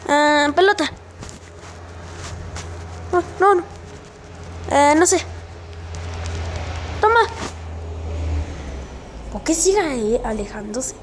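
High-voiced excitable gaming commentator woman. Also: slow, long pauses, slight background noise. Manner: excitable, with frequent yelps and exclamations; addresses viewers directly with shout-outs. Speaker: gaming channel host. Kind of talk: casual gameplay commentary.

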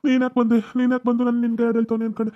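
A performer voicing a panicky village man, an ex-convict fleeing, pleading quickly with a North Karnataka Kannada accent, in a cartoon comedy. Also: mid-range voice, monotone, highs cut off, natural voice.

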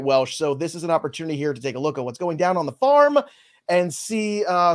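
Host guy on a fantasy baseball live show, slightly high voice, playful and a bit boastful. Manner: upbeat, playful, boastful banter.

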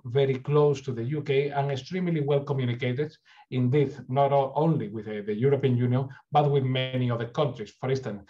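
A middle-aged Spanish man speaks with a Spanish accent in a mid-range, darkish voice, the highs cut off by a webcam on a video call. As a university recruitment speaker, he gives an earnest presentation over slides, restarting often.

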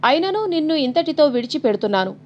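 A woman's voice: high voice, sing-song, fast talker, lo-fi sound, a little hiss or hum. A woman voicing a stern, commanding divine young woman who pronounces judgment solemnly.

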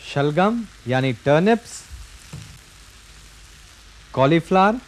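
A man in his forties with a fairly high voice walks viewers through a recipe on a studio kitchen set. He explains each step patiently and speaks straight to the audience. His voice is picked up close by a clip-on mic. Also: animated, slow pace. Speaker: TV cooking show host. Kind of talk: cooking demonstration.

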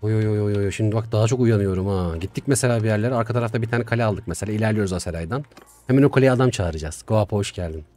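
A young man giving casual, chatty commentary while playing a strategy game, talking to himself with excitable swings. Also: lowish voice, racing. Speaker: gaming YouTuber. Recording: faint music behind.

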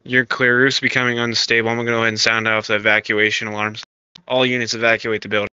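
Sharp, forceful man commanding over radio. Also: medium pitch, level tone, fast, clear, resonant tone, no room sound. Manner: directive, procedural. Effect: two-way radio. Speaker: fire scene incident commander. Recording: dull lo-fi radio, faint static.

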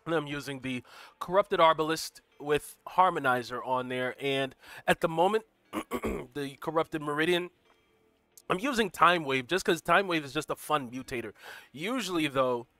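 This dry recording captures a stuffy-voiced guy hosting a gaming livestream, his pitch fairly high and his delivery bright and forceful. A cold has him congested, with the occasional throat clear. Casually commenting on live gameplay, he warmly welcomes chatters by name and breaks down the specifics of his game build.

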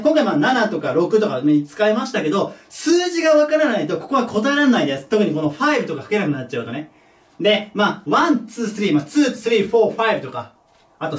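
A man teaching a junior high English lesson at a board, patient and step-by-step, checking in with his students and joking about his own mistakes. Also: distant mic. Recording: echoey room, voice from off the mic.

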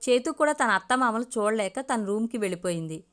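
Woman storyteller, audiobook narration, steady measured pace, fairly high voice.

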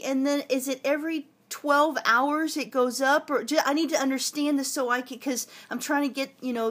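A woman filming herself on a handheld phone outdoors in a parking lot, politely but persistently pressing for clear answers. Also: high voice, a bit bright. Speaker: towing victim filming her ordeal. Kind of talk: handheld phone vlog and phone call. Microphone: phone camera held in hand.

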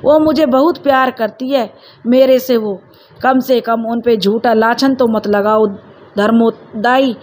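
A woman's voice: on the high side, fairly even intonation, slow, a little mellow. A woman voicing an innocent young wife who pleads tearfully. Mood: pleading.

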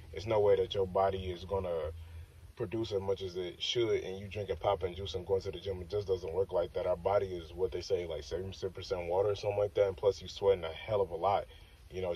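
The voice belongs to a young man with a low, mellow tone and a breathy edge, a fitness vlogger chatting to his phone on the dashboard of his parked car. It's a loose, rambling self-filmed talk full of "like I said" and "you know what I'm saying," captured as dull, slightly distant phone audio.

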